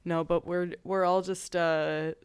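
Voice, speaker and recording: A woman's voice: lowish voice, level tone, slow, smooth, no room sound. A woman co-hosting a casual podcast, joking and swearing freely and laughing through her words. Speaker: podcast co-host. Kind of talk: casual chat.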